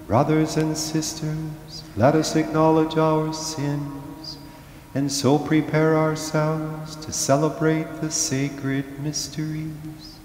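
A man leading Mass as priest, slowly intoning and chanting the liturgy, his voice carried by a cathedral echo. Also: fairly high pitch, flat delivery, a little mellow. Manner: slow, measured, intoning. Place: large church. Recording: echoey church hall with faint music.

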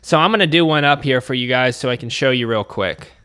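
A man's voice: medium pitch, fairly quick, pushed and bright, clean tone. A man hosting a hands-on repair tutorial in a workshop, talking casually while he works. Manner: casual, talks while working with his hands. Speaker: channel host.

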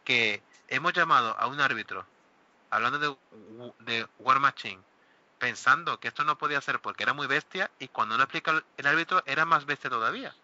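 Bright-voiced man in animated chat. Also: medium pitch, brisk, no room sound. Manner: animated, exclaiming, acts out quoted players. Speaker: host of a miniature wargaming talk show. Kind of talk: casual panel chat. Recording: dull lo-fi recording.

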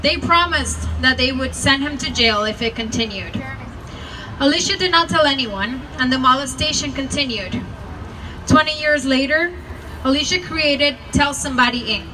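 At an outdoor rally, a woman acting as emcee reads speaker introductions from her notes. Her voice sits high and moves at a moderate pace. It's captured by a distant mic, with street noise around her.

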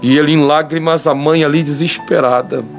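A man preaches through a dramatic story and comes back again and again to a grim refrain. His voice sits a little high. A soft instrument plays faintly behind him. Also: fairly even intonation, a little fast, soft background music. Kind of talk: sermon storytelling.

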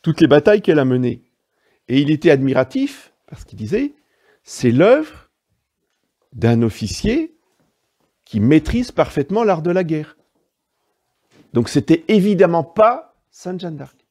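A man's voice: a little high, sing-song, measured pace, long pauses, mellow. A priest preaching a sermon in a didactic way, stressing points with frequent asides to his listeners. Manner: didactic, emphatic asides, frequent "hein" and "vous voyez".

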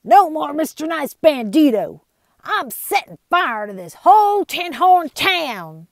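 A woman's voice: high voice, big pitch swings, takes it slowly, dry recording, studio quality, pitched above the performer's own voice, exaggerated voice. A woman voicing a mean, blustering outlaw man who bellows threats and sneers. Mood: furious.

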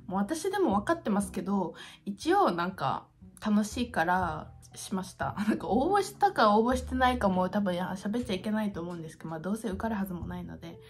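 A woman in her twenties chats casually to camera in an expressive, gushing and self-deprecating way, as a YouTuber in a room at home. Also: medium pitch, fast. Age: 20s. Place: small home room, indoors.

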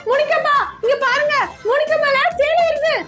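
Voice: extremely high pitch, fairly even intonation, normal speed, fairly bright tone. A performer voicing a fussy, bossy mother in a cartoon who scolds and hurries everyone along. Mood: urgent. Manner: scolding, urgent.

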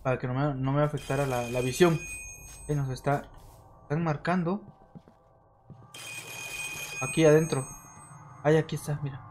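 A man streaming a horror game, chatting to his viewers and getting jumpy and excitable, yelling when scared. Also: fairly high pitch, normal speed, pauses often, slight background noise. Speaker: gaming streamer. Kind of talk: let's-play commentary.

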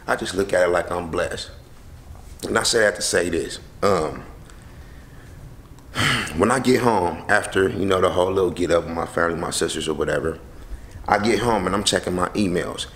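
A young man telling a story casually to a handheld camera in and around his house, slangy and animated, acting out the people he quotes. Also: low voice, moderate pace, long pauses, slight background noise. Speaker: vlogger. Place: house interior and front porch. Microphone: handheld camera close to face.

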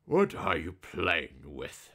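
A red-faced, horned storybook goblin, put on by a male reader, speaking in a low, slow drawl. His voice is pitched near the reader's own, with a brighter, edgier tone. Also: wildly swooping pitch, full character voice. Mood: sly.

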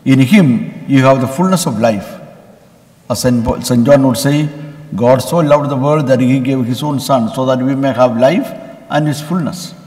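A man from India, a visiting bishop, giving a Sunday homily in an earnest storytelling manner with pauses. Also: medium pitch, darkish tone. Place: large church. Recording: long church reverb.

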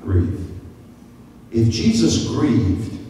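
An older man preaching to his congregation, his voice jumping up high when he acts out what people say. It comes through a roomy church hall with a long echo, caught a little off the mic, with a faint ambient hiss beneath. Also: extremely slow, recorded from a distance. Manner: animated preaching with sudden high-pitched acted quotes, gesturing. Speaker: pastor. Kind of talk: sermon. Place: church sanctuary. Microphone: stand mic at lectern.

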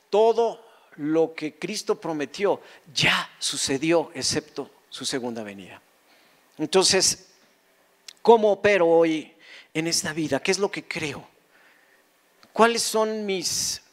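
A man preaching a sermon as a pastor, fervent, firing rhetorical questions and repeating key phrases. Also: high voice.

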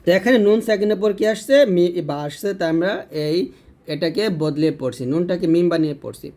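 A man teaching Quran recitation rules step by step in Bengali, explaining plainly and then reciting examples slowly and drawn out. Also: high voice, a little mellow. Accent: Bangladeshi Bengali.

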